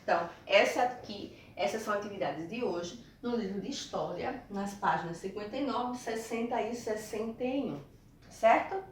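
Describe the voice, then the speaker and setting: A woman's voice: medium pitch, normal speed, heavy reverb, recorded from a distance, slight background noise. A woman from Brazil teaching a video lesson, guiding children through textbook exercises and checking in with frequent tag questions. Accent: Brazilian Portuguese.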